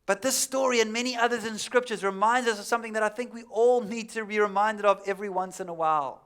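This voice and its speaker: A pastor with a high-pitched voice, preaching a sermon to his church. He is from South Africa and tells the story in a relaxed, conversational way, sinking to a near hush at the serious moments. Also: fast talker, clear, resonant tone.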